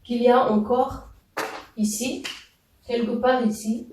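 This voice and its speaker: A man teaching a language lesson, explaining slowly and deliberately with pauses and fillers. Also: very high voice, fairly even intonation, darkish tone, distant mic, a little hiss or hum. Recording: echoey room, voice off-mic.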